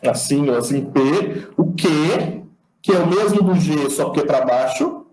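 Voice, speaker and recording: Speaking at a measured pace, a Brazilian man with a fairly high, animated, slightly mellow voice teaches the sign alphabet in an online lecture. He explains each step patiently and demonstrates as he goes, in a Brazilian Portuguese accent. The low-quality audio sounds roomy.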